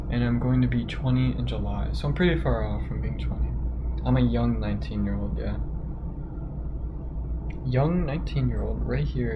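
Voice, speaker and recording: A nineteen-year-old man talks casually while gaming, drifting from one story to the next. His voice sits at a middle pitch. The lo-fi mic sounds muffled, with a clear hiss of noise behind it. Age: 19, college freshman. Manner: rambling, chatty storytelling to a young viewer. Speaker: gaming channel host. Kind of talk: casual chat while playing.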